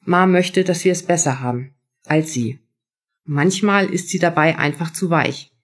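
A woman's voice: deep voice, a little slow. A woman author reading first-person prose from her own novel at a live event.

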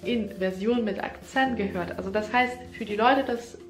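A woman's voice: mid-range voice, normal speed. Woman teacher in a roomy echo. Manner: conversational, talks straight to the viewer. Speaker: German language teacher. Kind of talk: casual explanatory video lesson. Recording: roomy echo with background music. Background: instrumental music.

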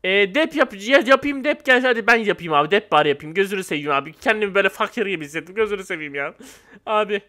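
A young man giving casual gameplay commentary, excitable and loud at times, then dropping to a flat mock-calm mumble. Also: high-pitched, fast talker. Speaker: gamer.

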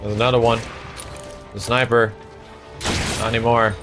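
A man hosting a gaming channel, bantering and swearing excitedly while playing co-op and thanking viewers. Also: medium pitch, moderate pace. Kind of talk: co-op gameplay commentary. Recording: voice over loud game music. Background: game music.

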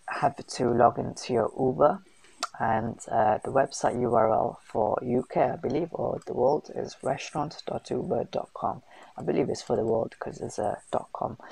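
A man's voice: medium pitch, gravelly, a little mellow, breathy edge, low-quality recording. A man hosting a casual screen-recorded tutorial, chatty and full of fillers and slang. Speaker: host of a food business channel.

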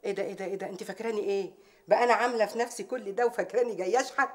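An actress with an Egyptian Arabic accent playing a bold, sharp-tongued housemaid who speaks in proverbs. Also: female voice, mid-range voice, steady tone, racing, natural voice. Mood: offended. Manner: proverb-spouting, brash, mocking. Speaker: housemaid confronting her employer's rival. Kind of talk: TV drama acting.

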